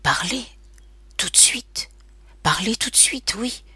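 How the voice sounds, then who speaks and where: A woman reading an audiobook and voicing a mysterious, desperate phone caller of unclear sex, in a whispery, mechanical, even tone. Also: fairly low pitch, normal speed, breathy edge, no room sound, full character voice. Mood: urgent whisper.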